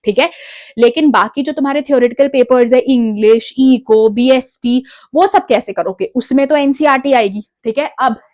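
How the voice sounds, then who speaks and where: A young woman with a high, bright-pitched voice gives exam advice straight to her students. She is direct and insistent, pressing her points home. English phrases turn up here and there in her talk. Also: normal speed. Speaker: educational YouTuber.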